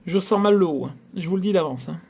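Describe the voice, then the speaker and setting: A man's voice: high voice, fast, a little mellow, slightly rough. Chatty man narrating ticket scratching. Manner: chatty, talks straight to viewers, theatrical groaning at losses. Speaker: channel host. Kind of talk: casual commentary while scratching lottery tickets.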